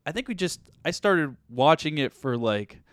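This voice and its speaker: Co-hosting a casual podcast, a man rambles and often restarts his sentences at a moderate pace. His voice is fairly high and fairly bright, with lively intonation, and the studio recording is dry and clean.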